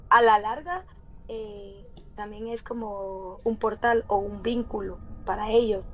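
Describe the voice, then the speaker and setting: A woman's voice: medium pitch, slow pace, music in the background. A woman, earnestly telling a personal story as a guest and speaking straight to her listeners. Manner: earnest, often addresses listeners directly. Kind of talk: casual storytelling. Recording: dull lo-fi sound.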